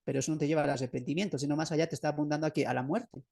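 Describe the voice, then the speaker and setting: A man's voice: on the high side, fairly even intonation, very fast, gravelly, darkish tone, dry recording. Man, Bolivian Spanish accent, Bible teacher, online lesson over a video call, asks and answers his own questions, dry close sound. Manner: asks the listeners rhetorical questions, then answers them; emphatic, repeats key phrases.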